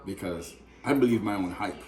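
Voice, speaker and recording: A man's voice: lowish voice, moderate pace. A man from Canada telling an emotional personal story in casual conversation, acting out the voices of people in it. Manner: emotional, animated, acts out quoted voices. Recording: echoey room.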